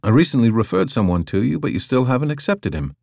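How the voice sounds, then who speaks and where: A friendly man gently chiding a friend with lively, varied intonation, voiced by a male audiobook narrator. He sounds close and conversational. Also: medium pitch, fast, vocal fry, dry recording.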